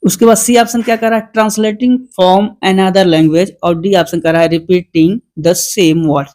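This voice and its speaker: A teacher giving an online exam-prep lesson. They slowly read out quiz questions, then explain them, often asking the class a question and answering it themselves. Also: mid-range voice, fairly even intonation, darkish tone.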